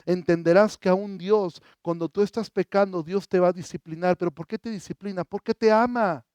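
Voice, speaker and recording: Pastor guy preaching, gets loud then goes soft and close, crisp clear voice. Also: high-pitched, fairly even intonation, fairly quick, no room sound. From Mexico. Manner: impassioned preaching, swinging from loud proclaiming to soft, intimate appeals. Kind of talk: sermon.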